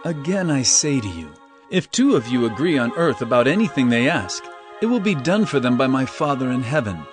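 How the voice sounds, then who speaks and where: An actor playing Jesus as an earnest, emphatic teacher of solemn parables in a dramatized scripture reading. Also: male voice, mid-range voice, sing-song, fairly quick, over music, lightly acted. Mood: solemn, admonishing.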